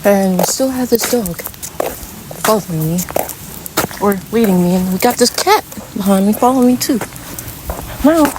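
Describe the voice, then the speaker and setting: A woman talks slowly and easily as she walks a country road, filming on her phone. She chats away and coos at animals in a sweet, coaxing way, and steady outdoor noise sits clearly behind her voice. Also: medium pitch. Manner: chatty, talks to animals in a coaxing baby-talk voice. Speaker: vlogger. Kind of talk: casual vlog walking with animals.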